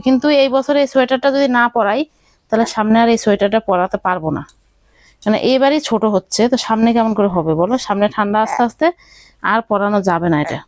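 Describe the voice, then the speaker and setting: A woman's voice: fairly high pitch, a little mellow, no room sound, studio quality. Young mother in sing-song baby talk. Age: young adult. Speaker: vlogger, new mother. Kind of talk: casual vlog talk to her baby and viewers. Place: village home, indoors.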